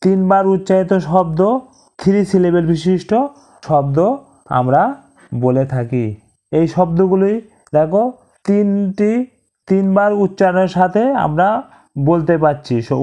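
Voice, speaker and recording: A woman teaching an English grammar lesson, speaking deliberately and drawing out example words syllable by syllable. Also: fairly low pitch, warm tone.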